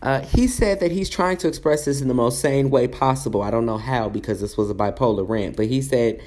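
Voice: mid-range voice, fairly quick, a little mellow. A commentator giving casual celebrity gossip commentary in a sassy, chatty way, full of asides and fillers.

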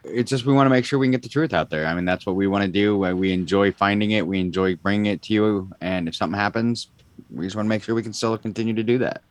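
An American man with a low-pitched voice chats casually as co-host of a podcast. The recording is dry and free of room echo. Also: fast talker. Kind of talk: casual chat.

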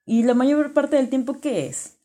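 A woman hosting a self-help podcast, talking straight to the listener in an earnest, encouraging way. She says her voice is naturally loud. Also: sits high, fairly even intonation, a little slow. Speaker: podcast host.

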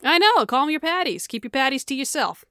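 A woman's voice: high voice, expressive, fairly quick, pushed and bright, no echo, clean studio sound. A woman co-hosting a casual podcast chat, who laughs often, swears freely and acts out the voices of people she quotes. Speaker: podcast co-host.

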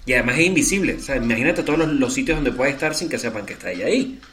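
A Venezuelan man in middle age, trading jokes in casual podcast banter. His voice sits at an ordinary middle pitch, and he spins silly ideas with a teasing, playful manner. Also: expressive, very fast, a bit bright. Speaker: podcast co-host. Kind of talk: casual chat.

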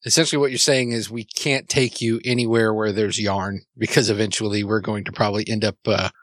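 A man's voice: lowish voice, level tone, fairly quick, a bit bright, no echo. Joking man in his twenties at the table. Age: 20s. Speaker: player. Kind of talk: casual chat in a tabletop game.

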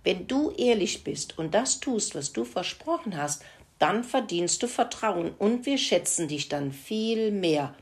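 A woman voicing a wise, patient mouse father in a children's story, explaining things gently. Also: medium pitch, animated, measured pace, voice pushed up.

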